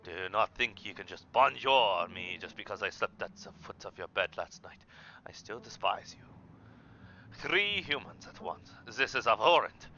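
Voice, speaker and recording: A man's voice: fairly low pitch, lively intonation, normal speed, bright, forceful tone, highs cut off, pitched below the performer's own voice. A man putting on a scornful French-accented cat. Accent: French, put on. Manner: disdainful, hissing half-whispers. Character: haughty, scornful house cat.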